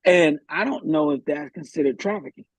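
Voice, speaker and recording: A man's voice: fairly high pitch, fairly quick, slightly rough, no echo, rough recording. A man, a guest in a live podcast discussion, thinking aloud in a hesitant way with many restarts.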